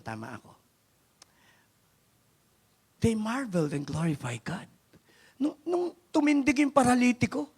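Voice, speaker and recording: A Filipino man, a pastor, preaching a lively sermon that mixes Tagalog and English, reading scripture and questioning his congregation. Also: very high voice. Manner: animated, questions the congregation and urges clapping. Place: church worship service.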